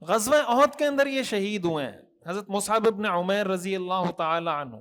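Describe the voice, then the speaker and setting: A man's voice: high-pitched, animated, fairly bright tone. A man, a mufti giving a Thursday night sermon, earnest and admonishing, with many rhetorical questions and repeated lists. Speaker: mufti preacher.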